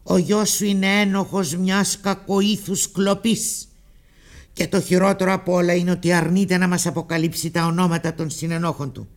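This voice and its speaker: Stern police officer lecturing a worried mother in an audiobook, read by a man; condescending, measured. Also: sits high, level tone.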